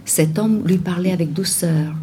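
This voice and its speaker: A woman reading a novel aloud in a calm, measured way. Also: on the low side, faint music behind. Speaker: audiobook narrator.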